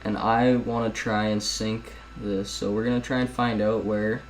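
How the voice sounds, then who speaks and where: Low-voiced young man rambling tutorial. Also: level tone, normal speed, a little hiss or hum, poor audio. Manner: rambling, chatty, keeps addressing viewers as guys. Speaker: video editing tutorial host. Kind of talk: casual screen-recorded tutorial. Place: at home.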